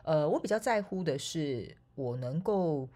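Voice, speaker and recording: A woman's voice: deep voice, animated, measured pace, mellow. A woman with a Taiwanese Mandarin accent, a spiritual coach, talking in a casual, playful, self-mocking monologue. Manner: playful and self-mocking, with frequent laughs and filler particles. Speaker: spiritual coach and online course instructor.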